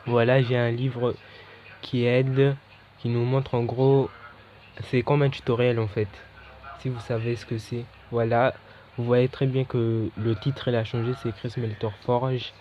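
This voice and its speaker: A man's voice: medium pitch, level tone, a little slow, mellow. A young man giving casual, chatty commentary over his own gameplay, often correcting himself as he talks. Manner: loose, chatty, self-correcting. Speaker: gaming YouTuber. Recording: dull lo-fi mic, faint hiss.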